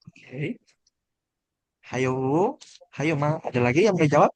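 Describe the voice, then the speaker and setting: A man's voice: fairly high pitch, lively intonation, slow, dry recording. Man teaching Mandarin tones to a class. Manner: explains patiently, asks the class questions, demonstrates tones.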